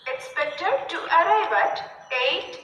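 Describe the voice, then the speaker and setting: A woman making a formal railway station announcement over a loudspeaker, reading train numbers and stops in a measured, evenly spaced way. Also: extremely high pitch. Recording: distant echoey loudspeaker in a station, dull lo-fi, faint noise.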